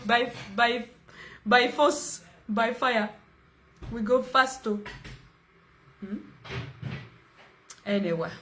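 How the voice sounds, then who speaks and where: Ugandan woman livestream host, unhurried and teasing, bright voice, fairly high. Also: slight background noise. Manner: playful, teasing, laughs often. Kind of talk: casual livestream chat.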